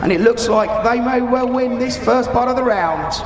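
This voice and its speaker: A British man in his thirties gives live commentary over a public address microphone at a military display, explaining things to spectators in informal language. His voice is very high-pitched at a normal speed, echoing through the arena PA amid crowd and noise.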